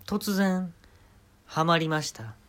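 A man's voice: fairly high pitch, lively intonation, slow, a bit bright. A man with a Kansai Japanese accent hosting a podcast, telling an absurd comic story and giving mock-serious instructions in a casual monologue. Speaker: podcast host.

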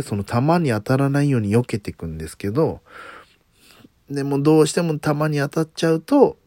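A man's voice: medium pitch, warm tone, dry recording, studio quality. A man hosting a casual solo talk show, chatting and musing aloud while asking listeners what they think. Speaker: podcast host.

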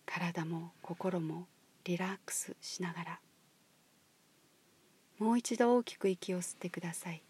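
A woman leading a guided meditation, talking in a soft, slow, breathy near-whisper. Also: on the low side. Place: outdoors at a highland marsh.

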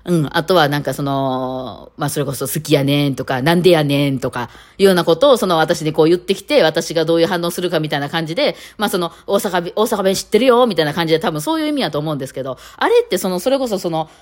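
A woman's voice: low voice, expressive, very fast, few pauses. A woman with a Kitakawachi Kansai accent, hosting a casual solo chat in a rambling way full of fillers. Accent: Kansai, Kitakawachi dialect. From Kitakawachi area of Osaka, Japan. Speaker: podcast host.

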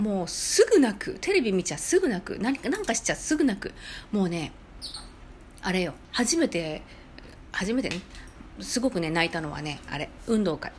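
A woman's voice: medium pitch, a little hiss or hum. A middle-aged woman hosting a casual solo talk show, telling personal stories in a chatty way and acting out the voices she quotes. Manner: chatty storyteller, lively, acts out quoted voices. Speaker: podcast host.

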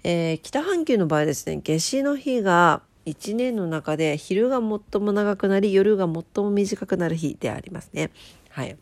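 A woman's voice: mid-range voice, lively intonation, moderate pace, darkish tone, dry recording. A woman hosting a casual, chatty solo radio show in polite speech, her voice nasal from a blocked nose. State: stuffed-up nose.

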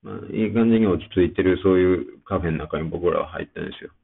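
A man with a Kansai accent talks alone in a relaxed, rambling way, stopping often on small fillers. His voice sits very low and has a gravelly edge. It comes through tinny, like a phone line. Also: fast talker. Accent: Kansai Japanese. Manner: rambling, chatty, many fillers. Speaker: podcast host. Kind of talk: casual solo talk.

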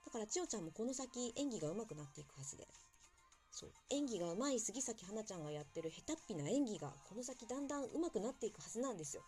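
A woman's voice: on the high side, big pitch swings, very fast, mellow, faint music behind. A young woman hosting a casual solo talk show, chatty and self-deprecating, with playful asides. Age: young adult. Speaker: podcast host.

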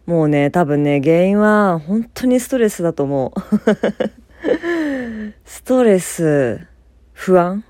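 A woman's voice: fairly low pitch, sing-song, slow pace, long pauses, dark tone, no echo. A young woman from Fukuoka hosting a casual solo talk, chatty and self-deprecating, laughing often as she speaks. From Fukuoka, Japan. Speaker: podcast host.

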